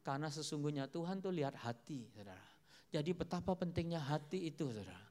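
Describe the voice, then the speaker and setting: A man preaching a sermon to a congregation, rising to loud emphatic peaks and dropping to soft low endings, often addressing listeners as brothers and sisters and acting out quoted speech. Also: animated, fast. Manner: often addresses the audience as "saudara"; acts out God and Bible figures in quoted speech.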